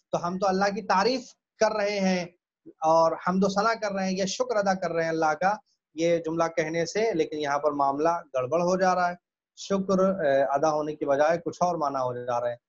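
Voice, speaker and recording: A man giving a Quran commentary lesson, explaining patiently with hesitant fillers and reciting phrases slowly and carefully. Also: a little high, fairly even intonation. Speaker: religious teacher. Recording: dull lo-fi recording.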